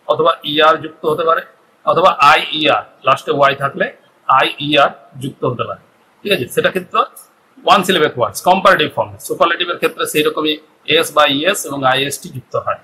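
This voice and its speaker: Bright-voiced Bengali-accented grammar teacher. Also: male voice, a little high, fairly quick, slight background noise, poor audio. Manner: explains step by step, often asks "ঠিক আছে?". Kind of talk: video grammar lesson.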